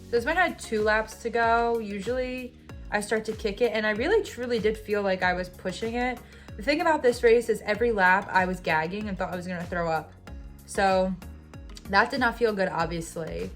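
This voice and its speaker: A woman's voice: medium pitch, moderate pace, fairly bright tone, soft background music. A woman in her twenties talking candidly over her vlog, reviewing a race she is disappointed with. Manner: candid, self-critical, conversational. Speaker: vlogger and runner.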